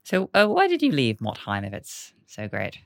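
A man's voice: medium pitch, huge pitch swings, normal speed, vocal fry. A man playing a tabletop game in character as a formal, haughty, old-fashioned ghost knight. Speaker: player.

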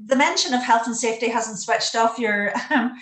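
A woman's voice: a little high, moderate pace, fairly bright tone. Donegal Irishwoman, roomy and distant. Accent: Donegal Irish, west of Ireland. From Donegal, Ireland. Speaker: podcast guest, farm safety charity worker. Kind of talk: casual interview talk. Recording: roomy echo, distant from the mic.

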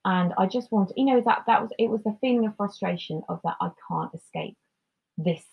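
Chatty woman, husky voice. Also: mid-range voice, fairly quick, lo-fi sound. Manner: chatty, animated, acts out quotes in mock voices. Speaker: podcast co-host. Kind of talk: casual chat.

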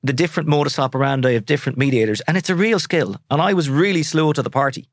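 A solicitor in his forties from Sligo in the west of Ireland answers interview questions candidly and colloquially, in a conversational way, with that region's accent. His voice is slightly high and very fast, captured in a dry, clean studio recording.

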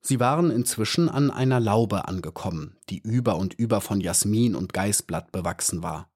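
A man with a low voice narrates a children's storybook audiobook. His reading is calm and measured, unhurried and clear. The tone is that of a classic fairy-tale narration.

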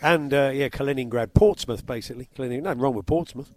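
A podcast co-host chats casually with a dry, joking manner, indoors while travelling abroad. He talks fast at medium pitch.

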